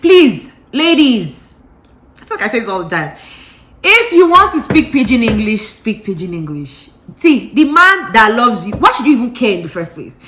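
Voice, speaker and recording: Woman, from Nigeria, casual vlog rant, bright tone, echoey room. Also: on the high side, moderate pace, a little hiss or hum. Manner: animated, ranting, laughs often. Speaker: vlogger. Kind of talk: casual gist chat.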